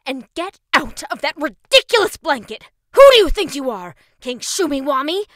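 A woman voicing a furious mother who shouts and sneezes her words out in a storybook reading. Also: high-pitched, sing-song, moderate pace, dry recording, clean studio sound, voice pushed up. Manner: yelling, sneezing between words.

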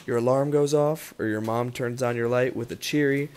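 A man's voice: medium pitch, steady tone, brisk, a little mellow, smooth. Man narrating a kids' documentary. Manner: friendly, asks the listener questions. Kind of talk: scripted narration for kids.

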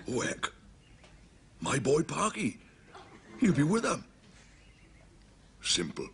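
An actor playing a scheming Welsh army sergeant major in a TV sitcom, who chuckles and calls the men lovely boys. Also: male voice, low-pitched, a little hiss or hum, heavily acted. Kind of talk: 1970s TV sitcom acting.

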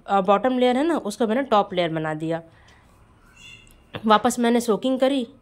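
A woman's voice: medium pitch, darkish tone. A woman home baker giving a casual voice-over tutorial on cake decorating, chatty and friendly, often calling her viewers friends.

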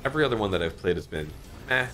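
A man in his thirties giving casual, excitable commentary while playing an online slot game, often swearing and jumping up in pitch at big moments. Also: racing, a little hiss or hum. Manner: excitable, swears a lot, frequent pitch jumps. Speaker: slot streamer. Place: dim home streaming room, indoors.

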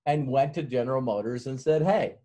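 Middle-aged male workshop speaker, mid-pitched, rambling storyteller, chuckles and fillers. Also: lively intonation, a little slow, darkish tone. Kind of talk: motivational sales workshop talk.

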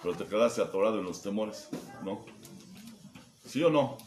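With a lowish, darkish, expressive voice at normal speed, a Mexico City man serving as sponsor gives a recovery group a foul-mouthed, mocking, jokey testimony. He acts out the voices of those he quotes, and the room sounds echoey with background noise.

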